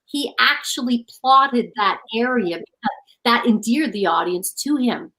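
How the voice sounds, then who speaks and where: A woman's voice: on the high side, animated, measured pace, sharp tone, rough recording. A middle-aged woman, an author being interviewed, speaking in an earnest, reflective storytelling way. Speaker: author and guest. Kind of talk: interview conversation.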